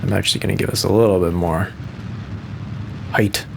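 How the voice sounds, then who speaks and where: A man with a Midwestern accent giving relaxed, rambling commentary while playing a game, explaining as he goes with frequent fillers. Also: low voice, brisk, vocal fry, background noise. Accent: Midwestern American. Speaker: musician and host. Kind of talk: casual gameplay commentary.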